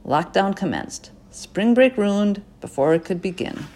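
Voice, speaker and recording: A woman narrating a children's chapter book in an expressive storytelling voice, dropping quietly into asides. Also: medium pitch, unhurried. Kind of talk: audiobook reading.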